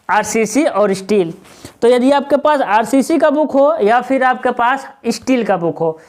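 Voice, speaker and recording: A male teacher giving a classroom lecture, firing questions at his students and answering them himself, and tagging on short check-in questions. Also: very high voice. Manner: keeps adding a tag question.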